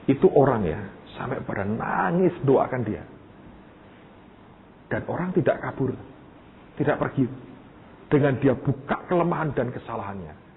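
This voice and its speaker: Male pastor, lively story-driven sermon, wide pitch swings, tinny lo-fi recording with faint hiss. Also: moderate pace, pauses often. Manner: lively, animated storytelling, acting out quoted voices. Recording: tinny phone-like sound with faint noise.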